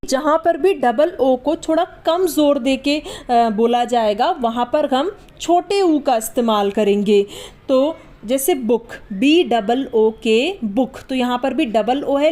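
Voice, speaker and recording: Young woman teacher, high voice, slow and patient, spells words out letter by letter. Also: lively intonation, dark tone. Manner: asks the class if it is clear. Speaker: English teacher. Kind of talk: online spoken English lesson.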